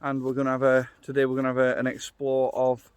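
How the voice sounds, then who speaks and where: A man's voice: mid-range voice, monotone, quick pace, clean tone, no room sound. Middle-aged Yorkshire man chatting on a walk. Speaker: vlogger, walking guide. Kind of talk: casual walking vlog narration. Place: outdoors on a wooded trail. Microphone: phone held at arm's length.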